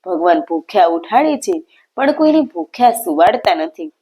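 A woman's voice: lowish voice, very animated, normal speed, mellow, husky. A woman voicing a devoted village mother who scolds the lord lovingly and emotionally. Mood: scolding.

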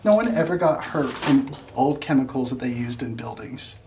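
A young adult man, a vlog host, chatting casually in a playful, excitable way. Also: mid-range voice, moderate pace, noisy background. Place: abandoned building at night, car, outdoors by a pool.

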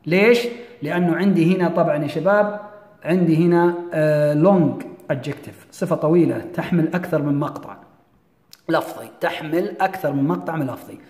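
Man, high voice, echoey room, slow deliberate English. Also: darkish tone. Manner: switches between slow, drawn-out English and quick Arabic explanations. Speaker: English teacher. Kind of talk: bilingual grammar lesson.

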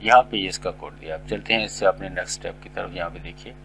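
A middle-aged man explaining a screen-recorded coding tutorial step by step, in a polite, steady way. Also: deep voice, fast talker, gravelly, a little hiss or hum, rough recording. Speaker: tutorial instructor.

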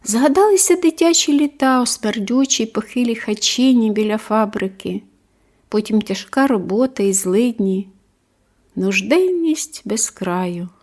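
A woman narrating a first-person story as an audiobook reader, with a measured, expressive delivery. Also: fairly high pitch.

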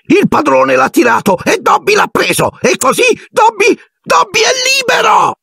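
A man voicing an excitable little male house-elf in an audiobook, shrill and squeaky, shrieking and speaking of himself by name. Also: moderate pace, gravelly, dry recording, shouting, studio quality, full character voice. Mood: ecstatic. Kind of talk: audiobook character voice.

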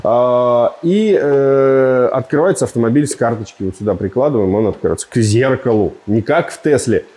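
A mid-range voice at a moderate pace belongs to a thirty-something man casually reviewing a car. He jokes, drifts off topic, and gestures lively throughout, picked up by a lapel mic in a roomy indoor showroom.

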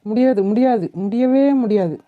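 A woman voicing a bossy, sharp-tongued girl in a cartoon, scolding and sarcastic. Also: on the high side, normal speed, close to an everyday voice. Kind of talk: cartoon voice acting. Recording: tinny phone-like, dry.

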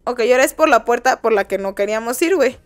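A young woman with a Mexican accent giving excitable live-stream commentary while she plays a game, swearing casually and talking to the characters on screen. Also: fairly high pitch, fast talker, no echo, faint music behind. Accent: Mexican Spanish. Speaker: gaming streamer.

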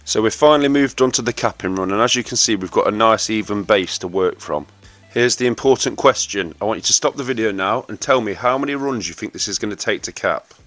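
A man giving a steady, instructive voice-over for a welding tutorial and talking straight to viewers. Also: lowish voice, a little fast, no room sound, faint music behind.

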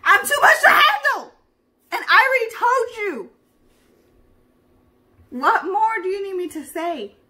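A woman plays a theatrical would-be celebrity in a comedy sketch, slangy and full of attitude. Her voice sits high and bright, and she takes her time, drawing out her complaints. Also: slow pace, long pauses. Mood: indignant. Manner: slangy, theatrical, swings from hushed confiding to loud indignation. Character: dramatic, sassy young woman who thinks she is famous. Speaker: interviewee.

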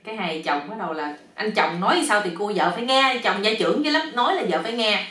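An animated woman, telling a joke story in a chatty, easygoing way. Her pitch rises and falls in lively swings. The voice is roomy and slightly distant from the mic. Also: fast. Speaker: joke storyteller, channel host. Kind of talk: casual comic storytelling.

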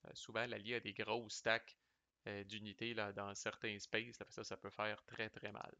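A man's voice: lowish voice, little pitch movement, moderate pace, creaky, pushed and bright, no room sound, highs cut off. A man with a Québécois French accent talks through board game cards in a chatty, loose way. He drops in English game terms and salty slang. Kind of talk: casual explanatory commentary.

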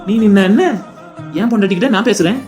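Cartoon role: teasing young husband voiced by a woman, rapid, mid-pitched. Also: darkish tone, soft background music, lightly acted. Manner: playful, affectionate teasing. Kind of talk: cartoon voice acting.

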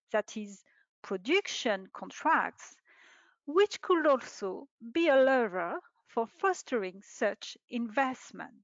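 A middle-aged woman, a researcher, reading a prepared presentation in a measured, formal way over a video call. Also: a little high, dry recording. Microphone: video call webcam. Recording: dull lo-fi webinar audio.

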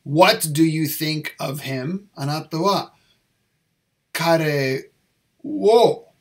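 A man explains English test answers at an unhurried pace, repeating each phrase carefully. He switches between English and Japanese as he teaches. His voice sits a little high for a man.

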